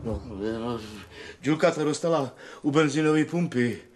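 A man's voice: on the high side, over music, lightly acted. An actor playing an embarrassed, flustered young man who keeps protesting.

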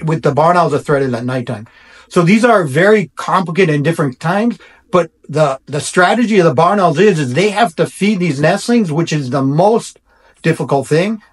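Middle-aged man, owl researcher, explaining to camera, reassuring, fairly high voice, indoor room. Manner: reassuring, explanatory, with many restarts.

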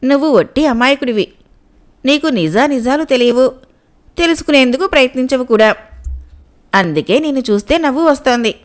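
A knowing young sea maiden from a storybook, as a woman reading the tale puts her on. The voice is high and sits up in the head, calm and unhurried as she states hard truths without fuss. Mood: knowing, scornful.

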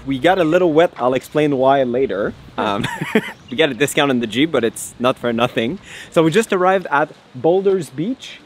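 A man's voice: on the high side, animated, moderate pace. A man hosting a casual travel vlog, upbeat and chatty, with frequent laughs. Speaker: travel vlogger host. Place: inside an old jeep, then outdoors in rain.

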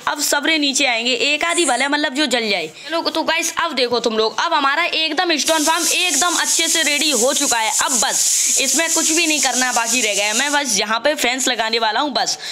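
A man giving casual gameplay commentary, chatty and walking the viewer through each step, stopping to fix his own mistakes out loud. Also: very high-pitched, moderate pace, hardly any pauses. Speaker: gaming channel host.

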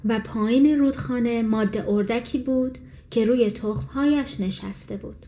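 A woman reading a fairy tale as an audiobook narrator, in calm, measured storytelling. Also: a little high.

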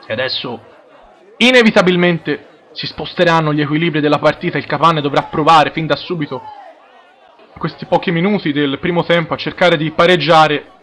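An Italian man gives live play-by-play of a football match. He speaks in measured, halting short phrases as he follows the ball, with some crowd noise around him. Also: a little high, a bit bright. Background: crowd at a football ground.

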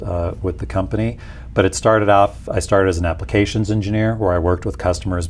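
Recorded via lapel mic in a compact office lounge, a Peruvian man in his forties, a company executive, talks through things in a relaxed interview. His voice sits low with a darkish tone, and a bit of hiss or hum is present.

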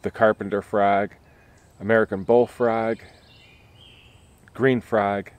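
A man's voice: lowish voice, flat delivery, takes it slowly. A man in his forties, a nature vlogger, talking casually and enthusiastically to a handheld camera at arm's length outdoors at a forest campsite, with plenty of fillers as he thinks aloud. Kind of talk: casual outdoor vlog narration.

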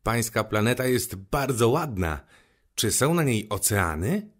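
A man voicing a curious, gentle little boy prince who asks eager questions. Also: medium pitch, sing-song, unhurried. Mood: wondering.

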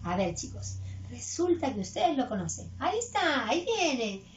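Woman, preschool English teacher, high lively voice, patient and coaxing, dull lo-fi sound. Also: moderate pace. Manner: sing-song, patient, coaxing children. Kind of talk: online class for small children.

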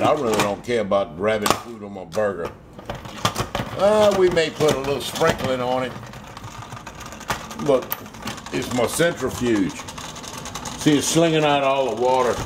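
A middle-aged man with a Southern US accent talking in a folksy, plain-spoken way as he demonstrates home cooking in a casual vlog. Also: medium pitch. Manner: folksy, unhurried, plain-spoken with mild swearing. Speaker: home cook demonstrating a recipe. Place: home kitchen, indoors. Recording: clear background kitchen hum noise.

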